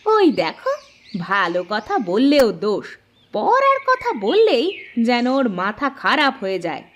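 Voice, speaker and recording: A woman voicing a sharp-tongued village mother in a cartoon, scolding and sarcastic. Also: a little high, huge pitch swings, measured pace, full character voice. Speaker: cartoon voice actress. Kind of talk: cartoon voice acting.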